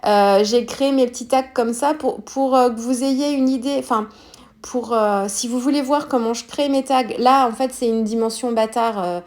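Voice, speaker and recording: This casual craft voice-over features a woman with a French accent walking through scrapbooking, halting often with fillers and self-corrections. She speaks at normal speed in a fairly high, darkish voice with fairly even intonation.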